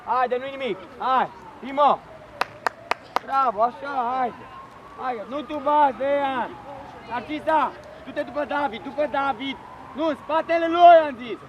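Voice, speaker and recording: A man yells instructions from the sideline of an outdoor football match, his voice pushed very high as he bosses young players around. He repeats names and short commands relentlessly. The recording is noisy and open-air, caught from a distance. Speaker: youth football coach. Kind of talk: shouted touchline instructions.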